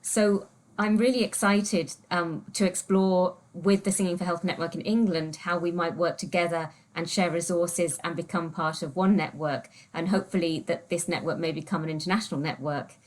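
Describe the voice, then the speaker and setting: A woman's voice: fairly low pitch, fairly even intonation, moderate pace. A woman giving an online conference presentation, speaking in an enthusiastic, explanatory way. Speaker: university lecturer and researcher presenting. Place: remote, speaking on a video call.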